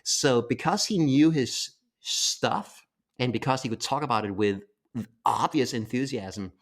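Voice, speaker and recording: A man's voice: medium pitch, animated, measured pace. A man co-hosting a podcast with an American accent, telling stories in a playful, enthusiastic way. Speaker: podcast co-host. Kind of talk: casual podcast chat.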